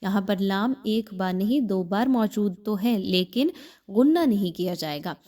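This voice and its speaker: A woman's voice: medium pitch, expressive, warm tone. Patient woman teaching recitation. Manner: patient, step-by-step explaining; mixes in English words. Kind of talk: recorded online class.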